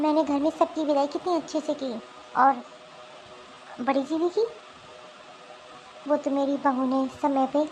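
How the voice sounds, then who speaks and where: A woman's voice: high voice, a little mellow, rough recording. A remorseful middle-aged mother-in-law. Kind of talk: animated cartoon voice acting.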